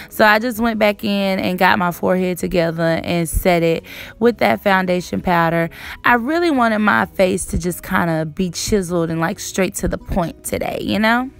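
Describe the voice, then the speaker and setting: Young female beauty vlogger, casual and chatty tutorial delivery, clean smooth tone with noticeable vocal fry. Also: medium pitch, a bit bright. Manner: chatty, emphatic word repetition. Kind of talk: casual makeup tutorial narration.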